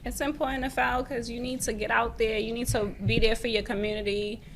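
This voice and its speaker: A woman's voice: fast, slight background noise, poor audio. A woman, an EMS lieutenant, encouraging people to join with energy and casual fillers. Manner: encouraging, energetic pitch to recruits. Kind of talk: casual podcast talk.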